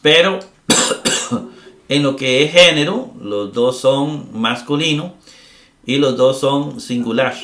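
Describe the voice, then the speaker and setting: A middle-aged man teaching a recorded Greek grammar lesson, explaining patiently step by step, often checking with "¿verdad?" and pausing on "eh". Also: medium pitch, a bit bright, reverberant.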